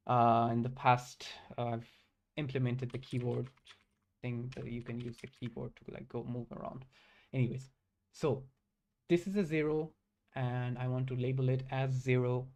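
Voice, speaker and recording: Halting young man. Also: medium pitch, little pitch movement, darkish tone. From Bangladesh. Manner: halting, self-correcting, many fillers. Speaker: streamer coding live. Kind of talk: live coding stream, thinking aloud.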